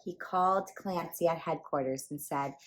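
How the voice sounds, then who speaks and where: A woman hosting a children's storytime, reading a picture book aloud with animated, playful emphasis. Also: low voice, moderate pace. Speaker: children's storytime reader and host.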